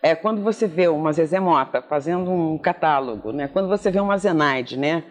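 A man speaks in a very high voice in a relaxed conversation. He talks with emphasis and keeps adding little tag questions to check in with the listener. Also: a little fast. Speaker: interview guest. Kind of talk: casual conversation.

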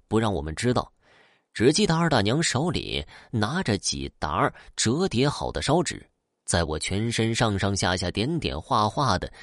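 A man narrating a folk tale in an expressive, lively storytelling manner. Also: fairly low pitch, no room sound, clean studio sound.

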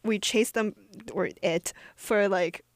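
A woman's voice: mid-range voice, slow pace, no echo. Giggly young woman co-host, dry sound. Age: young adult. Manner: giggly, animated storyteller. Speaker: podcast co-host. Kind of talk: casual chat.

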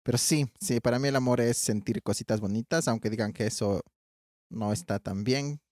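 A young man hosting a casual comedic chat, playful and quick to laugh, with exaggerated greetings. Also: medium pitch, a little mellow, no room sound, clean studio sound. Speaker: podcast host.

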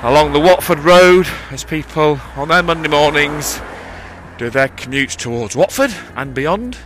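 Walking by a busy road and breathing hard on the uphill climb, a vlogger records a rambling, self-correcting audio diary into a cupped handheld mic. His male voice is on the high side and animated, at a moderate pace. The outdoor street recording picks up passing traffic.

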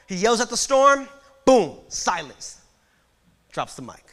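Young man, pastor, preaching with dynamic hushed-to-loud swings; high, bright voice. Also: very animated, slow pace. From Puerto Rico. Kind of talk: sermon.

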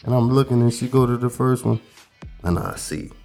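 A man in his thirties, co-hosting a podcast, tells a long, meandering story in a relaxed way, swearing and using plenty of fillers. His medium-pitched voice is brisk, creaky, and warm, and soft music plays underneath this casual storytelling chat.

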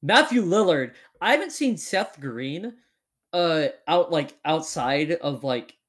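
Rambling young man, slightly high voice. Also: expressive, takes it slowly, a bit bright. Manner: rambling, many fillers. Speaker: podcast host. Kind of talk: casual chat.

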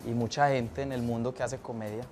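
A man's voice: medium pitch, flat delivery, a little fast, a little mellow, a little hiss or hum. A Colombian comedian, a man, talking as a guest in a laid-back, joking interview chat.

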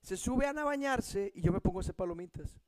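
Telling a friend a story in casual chat, a young man with a Mexican Spanish accent speaks in a light, high voice, animated and fast. He laughs a lot and swears freely, and the sound is dry and close with no room echo.

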